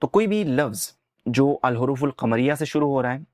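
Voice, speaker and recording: A man hosting an Arabic lesson in Urdu, patiently explaining pronunciation and sounding out letters slowly one by one, with an Urdu accent. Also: medium pitch, lively intonation, a little mellow, no echo, studio quality. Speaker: Arabic teacher and channel host.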